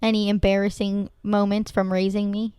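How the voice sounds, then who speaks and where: A woman's voice: medium pitch, flat delivery, normal speed, mellow, clear, resonant tone, no echo, clean studio sound. A young woman hosting a casual chat with her father, teasing him and laughing often. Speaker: podcast host interviewing her father.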